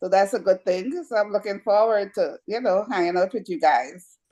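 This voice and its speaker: A woman's voice: medium pitch, normal speed, dark tone. A woman from Guyana, a home care agency owner chatting and patiently explaining at a community meeting. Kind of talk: introducing herself at a community meeting.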